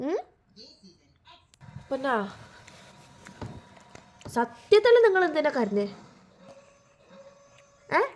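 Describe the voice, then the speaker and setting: Mom with a high voice, patient and coaxing, keeps asking her kid the same thing over and over, home vlog. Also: big pitch swings, drawn-out words, pauses often, a little hiss or hum. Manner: gentle, coaxing, repeats questions patiently. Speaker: mother vlogging with her toddler.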